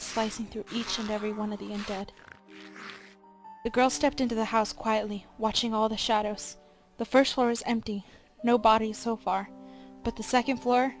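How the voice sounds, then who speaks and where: A woman reading a scripted serial story aloud in a measured, slow, dramatic storytelling manner, with faint music behind her. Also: a little high. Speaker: narrator.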